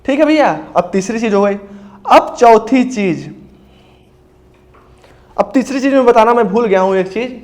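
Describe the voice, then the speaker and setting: A man's voice: high voice, darkish tone. A man from India, giving casual step-by-step advice to exam aspirants and often checking in with his listeners. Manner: explains step by step, often says "ठीक है भैया". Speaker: exam preparation coach. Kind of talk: casual spoken advice talk.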